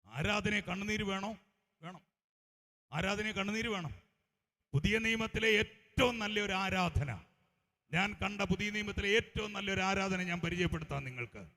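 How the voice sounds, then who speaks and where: A man preaching a fiery Pentecostal-style sermon in a high, sharp voice with a gravelly rasp. He peppers his lines with hallelujahs and surges into shouting. His voice rings through a church hall with a long, echoing reverb. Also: normal speed. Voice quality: punctuates phrases with hallelujah and praise exclamations. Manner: rises to fervent shouting, with a brief burst of speaking in tongues.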